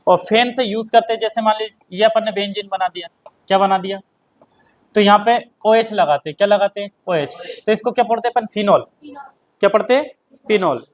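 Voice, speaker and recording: Speaking in a high voice with a Hindi accent, this male chemistry teacher lectures while dictating notes. He asks his class questions only to answer them himself, and he goes over important terms slowly.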